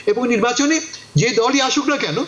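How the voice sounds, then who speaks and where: Male talk-show guest, high animated voice, emphatic rhetorical style, echoey room. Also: normal speed. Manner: emphatic, asks and answers his own questions. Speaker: guest commentator. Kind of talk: political talk show discussion.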